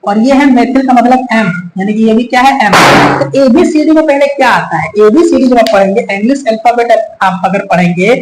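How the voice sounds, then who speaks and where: Hindi chemistry teacher counting carbons aloud. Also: male voice, very high-pitched, a little fast, over loud music. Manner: repeats steps and counts aloud patiently; addresses students as children. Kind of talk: whiteboard lesson. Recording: echoey room, faint ambience.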